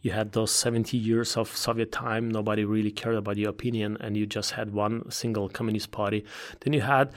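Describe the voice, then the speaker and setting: A middle-aged man from Belarus with an Eastern European accent, explaining things as an interview guest in a halting way, repeating words as he searches for phrasing. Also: lowish voice, flat delivery. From Belarus, Ukraine and Russia. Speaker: interview guest, political campaign consultant.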